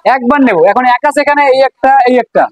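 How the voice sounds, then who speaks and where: A woman's voice: high voice, fast talker, no room sound, rough recording. Dry-sounding woman teaching a class. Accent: Bangladeshi Bengali. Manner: coaxing, asks questions and repeats answers. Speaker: math teacher. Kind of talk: classroom lesson to students.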